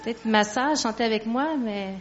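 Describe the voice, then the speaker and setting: A woman's voice: fairly high pitch, normal speed, highs cut off, crowd noise. A woman missionary addressing a church congregation, chatting, laughing and coaxing them to learn a song.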